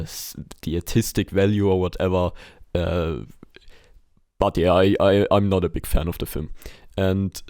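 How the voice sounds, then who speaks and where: A man's voice: on the low side, darkish tone, smooth, dry recording. A man co-hosting a podcast, talking casually about a film with hesitation and dry, wry jokes, a native German speaker. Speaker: podcast co-host.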